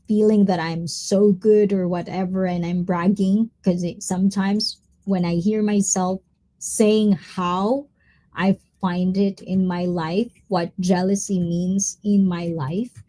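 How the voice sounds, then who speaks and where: Warm in tone and medium in pitch, this woman's voice comes through a rough recording. She's a live-stream host in casual, chatty conversation, reading viewers' comments, blending in Tagalog, and hopping from one topic to the next.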